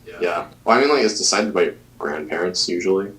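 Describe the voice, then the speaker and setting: A man's voice: low-pitched, animated, fast talker, a bit bright, low-quality recording. A man in a casual group chat, explaining things in an easygoing way.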